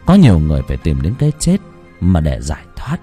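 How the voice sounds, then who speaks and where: Lively male ghost-story narrator. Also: very deep voice, quick pace, soft background music.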